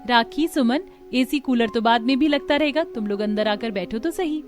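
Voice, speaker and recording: A woman's voice: on the high side, normal speed, soft background music, lightly acted. A woman voicing a kind, patient mother-in-law in a cartoon story, speaking in a coaxing, reasonable way.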